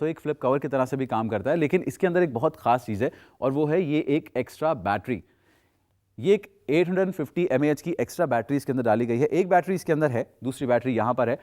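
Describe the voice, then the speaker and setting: Male TV shopping host, mid-pitched, persuasive salesman, unscripted demo with English phrases mixed in. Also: darkish tone. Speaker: teleshopping presenter. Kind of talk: unscripted product demonstration pitch.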